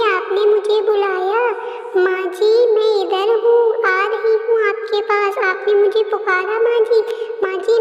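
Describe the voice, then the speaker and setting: Cartoon: woman doing a dutiful young village bride, sweet and eager, very high voice. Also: roomy sound, in a large hall, recorded from a distance, muffled recording.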